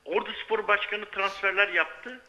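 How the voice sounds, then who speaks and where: A man's voice: high-pitched, steady tone, moderate pace, pushed and bright. A man calling in by phone to a live broadcast as a sports writer gives heated, insistent commentary, listing figures and asking pointed questions. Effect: phone line into a live broadcast. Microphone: telephone. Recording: muffled phone-line audio.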